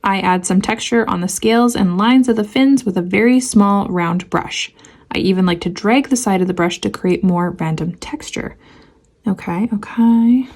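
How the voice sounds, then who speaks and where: A woman's voice: mid-range voice, normal speed, a little mellow. A woman hosting a casual painting tutorial in her home studio, reading out steps and breaking in with sarcastic, playful asides. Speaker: art tutorial host.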